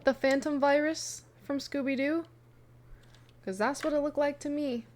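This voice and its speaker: A woman's voice: sits high, steady tone, normal speed, darkish tone. A young woman streaming a game live, reacting with bewildered questions and talking to her chat. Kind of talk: live gameplay commentary.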